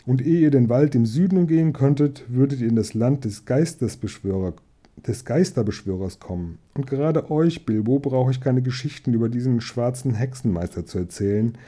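Stern old wizard for a storybook reading, measured and admonishing, very dark mellow tone, read by a man. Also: medium pitch, close to an everyday voice. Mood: counselling.

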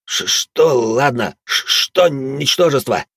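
A man's voice: fairly quick, darkish tone, no echo, studio quality, close to an everyday voice. A man voicing a cowardly male lord in an audiobook who pleads and shrieks in panic. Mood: hysterical. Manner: shrill, pleading, hysterical.

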